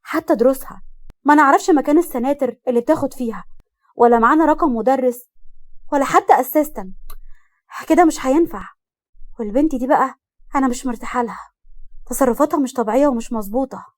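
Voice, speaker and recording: Woman putting on a scolding egyptian big sister, sharp and quick, kinda high. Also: no echo, studio quality, close to an everyday voice. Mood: worried. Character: hot-tempered young woman, protective older sister.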